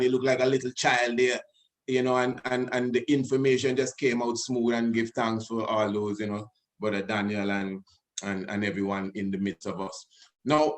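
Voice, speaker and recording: A man speaking on a video-call webinar, leading the audience through an exercise in an animated, commanding way and repeating himself for emphasis. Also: mid-range voice. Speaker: webinar panelist.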